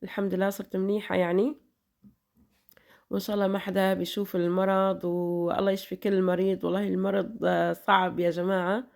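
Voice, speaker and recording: Brief: middle-aged woman vlogger, Levantine Arabic accent, tired voice, quick chatty delivery, mid pitch. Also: little pitch movement, creaky, a little mellow. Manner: chatty, repeats blessings and fillers. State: tired voice after illness. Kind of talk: casual chat to followers.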